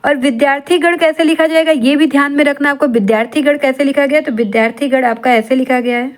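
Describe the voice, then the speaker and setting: High-voiced woman drilling a lesson. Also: fast. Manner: steady repetitive drilling, asks and answers her own questions. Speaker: teacher. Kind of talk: exam-prep grammar lesson.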